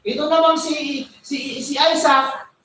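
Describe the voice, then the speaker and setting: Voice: sits high, steady tone, slow pace, sharp tone, slight background noise. Preacher telling a bible story, repeats words a lot, keeps asking "right?", far from the mic in a super echoey room. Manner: storytelling, repeats words while searching for names, asks "di ba?" often. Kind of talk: sermon, retelling a Bible story.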